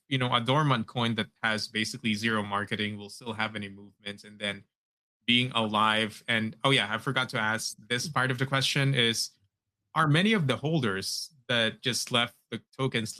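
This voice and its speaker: A man's voice: on the low side, moderate pace, bright, forceful tone. A man hosting a casual online interview over a call connection that keeps cutting out, rambling through his questions with many fillers. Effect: glitchy call audio cutting out. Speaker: host. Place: remote call.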